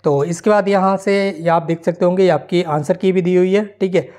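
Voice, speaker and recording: An exam-prep teacher runs an online lesson, reading model answers in a medium-pitched, steady, slightly mellow voice at a moderate pace. Patient and explanatory, she reads each question aloud and checks in frequently with "theek hai."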